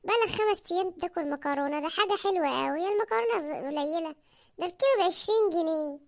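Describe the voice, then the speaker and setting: A very high, squeaky cartoon housewife, played by a woman scolds her husband in rapid Egyptian Arabic. She is sharp-tongued and teasing, firing off quick sarcastic retorts at a brisk clip. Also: creaky. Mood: mocking. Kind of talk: cartoon comedy voice acting.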